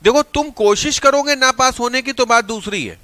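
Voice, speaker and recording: A male teacher giving an energetic exam-prep lecture, mixing Hindi with phrases. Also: very high voice, moderate pace, no room sound.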